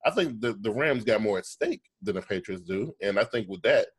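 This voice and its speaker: Husky-voiced man in sports podcast chat. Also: lowish voice, animated, a little fast, no room sound. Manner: talks in long runs, often checking in with "right?".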